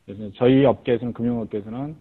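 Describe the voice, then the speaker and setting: A man being interviewed about his book, explaining his work in a measured, step-by-step way. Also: medium pitch, steady tone. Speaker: guest, insurance agency head. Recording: tinny lo-fi radio-like audio.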